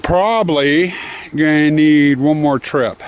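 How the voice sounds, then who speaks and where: A man's voice: on the high side, slow, a crowd in the background. A man hosting a casual vlog outdoors, chatty and laughing at his own jokes. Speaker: vlog host. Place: outdoors in a cornfield.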